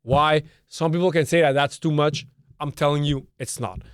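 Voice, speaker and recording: A man's voice: on the high side, fairly even intonation, moderate pace, clean tone, dry recording, clean studio sound. A young man from Canada, a Serbian native speaker, hosting a solo opinion podcast and hammering his points by number with lots of repetition. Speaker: podcast host.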